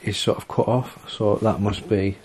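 Speaking at normal speed in a fairly low voice, a man from England in his thirties explores an abandoned house for his urban exploration vlog. He talks casually, letting out excited, awestruck exclamations as he walks, recorded on a handheld camera mic with slight background noise.

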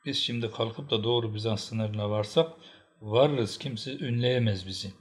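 A man voicing a patient male chieftain who speaks calmly and firmly. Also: fairly low pitch, measured pace, natural voice. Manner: calm, patient, firm.

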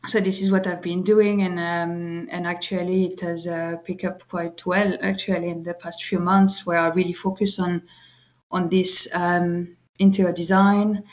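A woman's voice: on the low side, little pitch movement, normal speed. A woman in her thirties from France with a French accent, talking casually as an architect guest, with many fillers and restarts. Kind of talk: casual interview chat.

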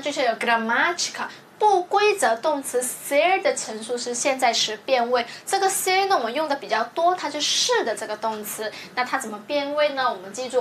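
Woman teacher, high voice, patient step-by-step explaining, faint hiss behind. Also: a bit bright. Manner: explains slowly, checks with "对不对". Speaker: Portuguese teacher. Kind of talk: recorded language lesson review.

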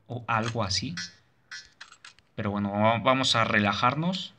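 Young man, nervous gaming commentary, bright sharp tone, yelps and swears. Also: fairly low pitch, unhurried, a little hiss or hum. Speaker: gaming streamer. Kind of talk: horror game commentary.

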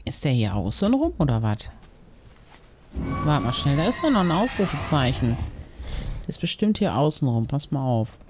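A man giving casual, slangy gameplay commentary, thinking out loud as he goes. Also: fairly high pitch, wildly swooping pitch, moderate pace, pauses often, noisy background. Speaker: let's player. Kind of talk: casual gameplay commentary with quest text read aloud.

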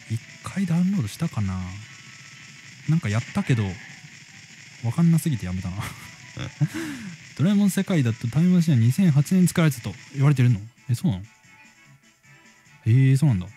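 Lively high-voiced man chatting on stream. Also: rough recording. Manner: chatty, quick reactions to comments. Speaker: game live streamer. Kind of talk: casual live-stream chat, reading viewer comments aloud. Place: room at home near neighbors.

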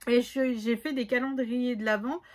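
Casual woman vlogger, slightly high, rambling with fillers. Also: steady tone, normal speed, darkish tone. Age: adult, has a son. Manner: chatty, hesitant, many fillers. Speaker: scrapbooking vlogger. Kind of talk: casual haul chat.

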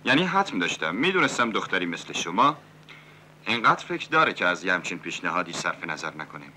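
A man playing a scheming, smooth-talking cabaret owner in a dubbed 1970s film. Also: low voice, very animated, pushed and bright, a little hiss or hum, full character voice. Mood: persuasive.

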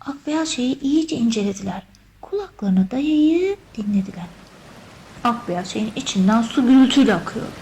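A woman reading a children's story aloud, with a clearly high voice. Her storytelling is expressive but measured. A faint hiss sits under the recording. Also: low-quality recording. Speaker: narrator.

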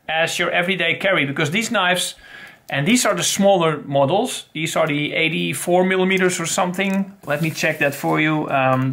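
Recorded on a desk webcam in his home study with bookshelves, a middle-aged channel host casually reviews pocket knives, wandering through his points with plenty of fillers and restarts. His fairly high voice has vocal fry and a bit of brightness, and there's slight background noise.

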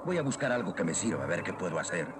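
Man-At-Arms, animated veteran cartoon warrior. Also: sits low, quick pace, heavy background noise. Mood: defiant. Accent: Latin American. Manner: firm, defiant. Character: steadfast, wry middle-aged warrior inventor. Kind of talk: Latin American Spanish cartoon dub.

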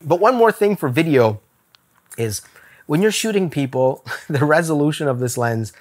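A man's voice: fairly high pitch, animated, moderate pace. A man talking casually to camera in a gear review vlog, candid and chatty, laughing now and then. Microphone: camera-mounted shot on a zoom lens.

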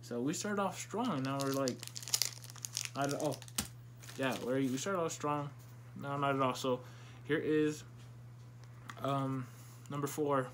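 A young man hosts a casual challenge vlog with his mouth full, so his words come out muffled. He speaks slowly and haltingly at a middling pitch. The home recording carries faint noise. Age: young adult. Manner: slow, halting card-by-card delivery. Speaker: video host opening trading cards. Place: indoor room at home, seated. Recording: noisy room, crinkling card packs.

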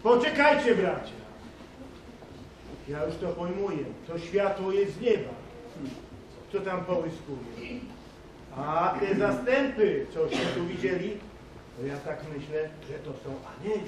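A man plays a sensible shepherd calmly working out what the heavenly light means. His voice is fairly high. It is picked up from a distance in a roomy hall with clear background noise. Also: unhurried, pauses often. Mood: earnest. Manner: reasoning, explaining to the others. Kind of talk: school nativity play acting.

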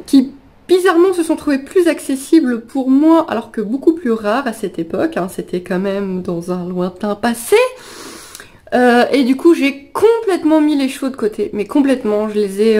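Speaking from her living room with a touch of a cold and some sniffles, this animal vlogger in her thirties chats through personal stories to camera, breaking into her own sentences now and then. Her voice runs on the high side and sounds warm.

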